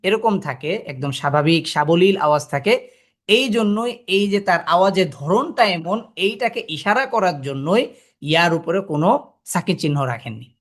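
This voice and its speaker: A man's voice: high-pitched, fairly bright tone. A man teaching a Quran reading class, explaining step by step and sounding out letters to demonstrate. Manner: explains step by step, asking the listeners rhetorical questions. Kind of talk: classroom lesson.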